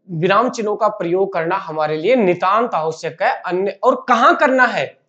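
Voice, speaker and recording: A man's voice: high-pitched, a bit bright. Male teacher with a dull lo-fi sound. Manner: explains slowly, asks questions and answers them. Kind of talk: Hindi grammar lesson. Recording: dull lo-fi recording.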